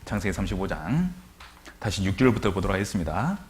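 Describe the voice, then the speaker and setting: Korean male pastor preaching, low voice. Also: very animated, fast, slight background noise. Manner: dramatic retelling, rhetorical questions, varied loudness. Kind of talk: sermon.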